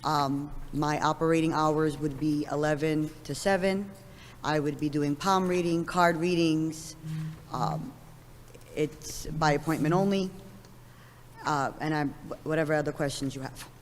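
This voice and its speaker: A hoarse woman applying for a license, speaking plainly and a little apologetically. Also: sits low, fairly even intonation, measured pace. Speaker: license applicant. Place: town hall auditorium podium. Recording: long reverb, faint room noise.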